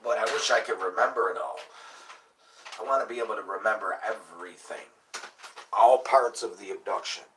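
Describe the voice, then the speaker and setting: Sharp-toned man in his late thirties, rambling. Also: on the low side, moderate pace, pauses often, recorded from a distance, a little hiss or hum, rough recording. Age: late 30s. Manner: rambling, profane, laid-back. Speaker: livestream host. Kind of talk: casual livestream chat.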